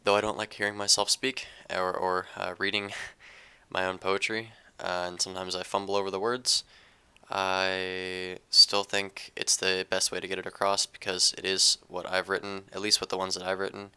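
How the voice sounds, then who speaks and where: A young man, recovering from an illness, who talks in a subdued, hesitant monotone and reads his own poetry. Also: moderate pace, clear, resonant tone. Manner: subdued, low-energy and monotone; hesitant, with fillers and restarts. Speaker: poetry channel creator. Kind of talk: casual talk to camera, then poetry reading.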